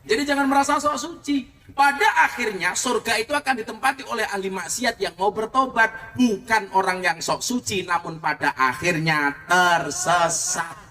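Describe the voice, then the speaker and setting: Speaking at a moderate pace with few pauses, a man whose voice sits high, sounding pushed and bright, delivers a comic sermon. He jokes and tells stories with playful asides, and a distant microphone picks up faint noise.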